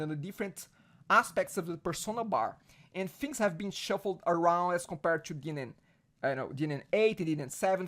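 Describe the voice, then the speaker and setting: A man hosting a casual online video chat. He laughs often and restarts his phrases. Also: sits high. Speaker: host.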